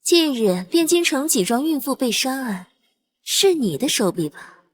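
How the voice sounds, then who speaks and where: An actress playing a scheming, haughty imperial noble consort in a period costume drama, cold and commanding. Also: female voice, high voice, sing-song, measured pace. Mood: menacing.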